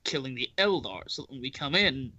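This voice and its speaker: A man's voice: medium pitch, expressive, fairly quick, sharp tone, no room sound. A man playing a captain in a casual tabletop game, laughing often, swearing and talking over the others. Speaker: player voicing a captain. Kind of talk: casual tabletop role-play.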